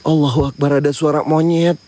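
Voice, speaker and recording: A man's voice: fairly high pitch, flat delivery, fairly quick, dark tone. A man hosting a night ghost-hunting vlog outdoors near a sacred tree, jumpy and frightened as he talks to his viewers. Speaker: paranormal explorer and host.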